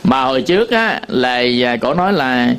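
A man's voice: mid-range voice, animated, moderate pace, fairly bright tone, clean tone. A man with a Southern Vietnamese accent, a Buddhist monk giving a dharma talk to an audience, telling stories with many fillers and repetitions.

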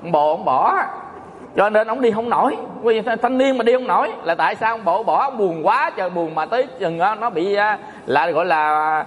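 A man's voice: high voice, expressive, a little fast. A man, a Buddhist monk giving a folksy, joking sermon to an audience. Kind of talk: Dharma talk sermon. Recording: echoey hall reverb.

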